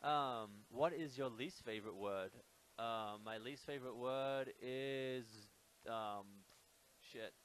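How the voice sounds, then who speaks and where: An Australian man explaining local expressions in a relaxed, hesitant way, with many fillers. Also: medium pitch, slow pace, a little hiss or hum. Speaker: guest teaching expressions. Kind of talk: casual explanation. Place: hotel room.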